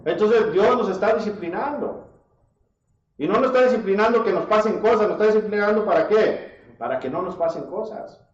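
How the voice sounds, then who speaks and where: A man's voice: high voice, fairly quick. A man preaching a sermon, often asking his listeners rhetorical questions and calling them brother. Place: church hall. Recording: echoey church audio from far off, dull and slightly noisy.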